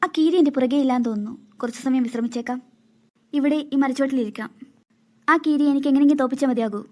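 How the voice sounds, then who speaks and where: A cartoon snake queen disguised in human form, played by a woman speaks in a high voice at a rapid clip. She is gentle and motherly with lost children but guards her secret. Her lines come out quick and bright. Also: natural voice. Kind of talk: cartoon voice acting.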